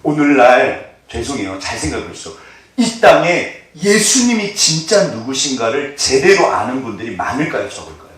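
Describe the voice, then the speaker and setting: 생동감 있게 설교하는 남자 목사. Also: male voice, medium pitch, moderate pace. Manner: lively preaching, many questions to the congregation. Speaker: pastor. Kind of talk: sermon. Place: church sanctuary. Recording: echoey hall, far from the mic.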